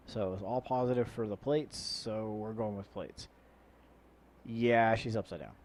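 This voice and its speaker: A man's voice: fairly low pitch, measured pace, a little mellow. A man with a nasal, congested-sounding voice gives casual, rambling let's play commentary, muttering to himself as he goes. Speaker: gaming video host. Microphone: low-quality microphone. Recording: poor mic with chopping helicopter-like noise. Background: helicopter-like equipment noise.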